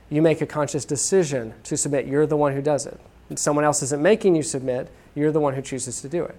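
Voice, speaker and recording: A man's voice: fairly high pitch, darkish tone. A man preaching a sermon to a congregation in a casual, conversational way, often checking in with "okay?". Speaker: pastor. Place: church room with congregation.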